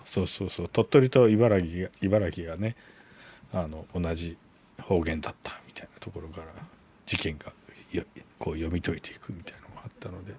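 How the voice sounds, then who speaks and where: A man in a casual book club chat, explaining his picks in an unhurried way that thinks aloud. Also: low-pitched, a little mellow, slight background noise.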